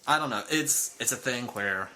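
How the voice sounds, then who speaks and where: A man's voice: mid-range voice, animated, normal speed, sharp tone. A man co-hosting a podcast in casual chat, easygoing and dropping lots of "you know". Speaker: podcast co-host.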